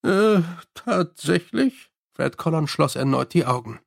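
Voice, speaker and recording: A man's voice: on the high side, animated, a little slow, vocal fry, no room sound, clean studio sound. A man reading an audiobook and voicing an embarrassed, flustered middle-aged male sergeant. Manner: flustered, uneasy.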